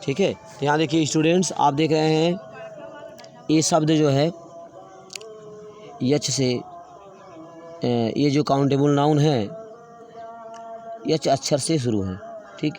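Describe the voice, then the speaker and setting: A man teaching English grammar, slowly spelling out words letter by letter and repeating them. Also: on the high side, fairly even intonation, a little mellow, a little hiss or hum. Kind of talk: classroom grammar lesson.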